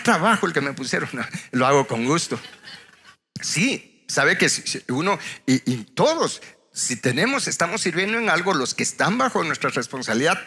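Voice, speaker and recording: A man's voice: a little high, bright, forceful tone. A male pastor, preaching in a conversational, storytelling way and acting out quoted conversations. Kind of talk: sermon. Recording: long hall reverb.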